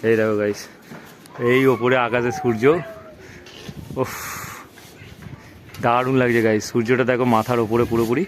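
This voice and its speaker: A man films a casual home vlog on his phone, chatting to his viewers as he goes. His pitch sits in the middle of the range for a man. Steady noise runs under the recording. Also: moderate pace, pauses often. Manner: chatty, addresses viewers as guys, coos at children. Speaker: vlogger. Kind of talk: casual family vlog narration. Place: outdoors on a rooftop and around a home.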